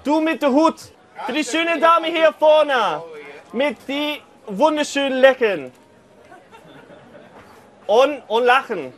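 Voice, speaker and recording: A man's voice: very high voice, lively intonation, slow, pauses often, a bit bright, a faint crowd. A man reporting on location at an outdoor market, trying out exuberant amateur sales calls. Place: busy outdoor fish market.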